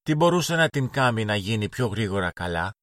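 A man voicing a lively, impulsive little boy in a children's storybook reading. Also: fairly low pitch, no room sound, studio quality. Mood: timid. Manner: excitable, shouting.

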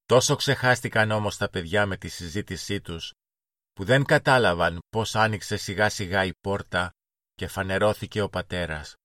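Low-voiced man reading a storybook. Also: no room sound, studio quality. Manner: calm, measured reading. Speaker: narrator. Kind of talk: storybook narration.

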